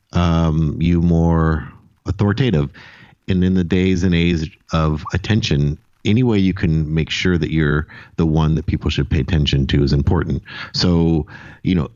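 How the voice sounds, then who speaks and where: Very deep-voiced male podcast host. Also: a little mellow, no echo, highs cut off. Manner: affirming, reflective interviewer. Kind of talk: conversational interview.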